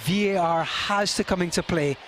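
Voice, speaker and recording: A man giving color commentary on a soccer match, talking through plays and players in a measured, explanatory way. His voice is a little higher than most men's. Light background noise runs underneath from the stadium booth. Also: fairly bright tone. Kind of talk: live soccer analysis.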